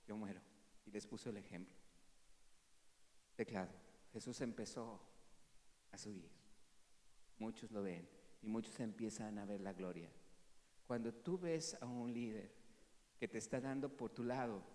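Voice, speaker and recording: A man, a pastor preaching an animated sermon that swings from loud to hushed. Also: medium pitch, big-room sound. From Mexico. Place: church hall.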